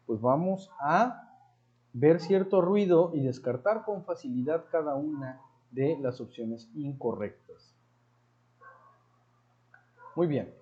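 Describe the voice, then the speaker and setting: A man with a Mexican accent teaching a grammar class, explaining slowly and repeating words as he thinks. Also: on the high side, warm tone. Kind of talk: online grammar lecture. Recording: dull lo-fi audio.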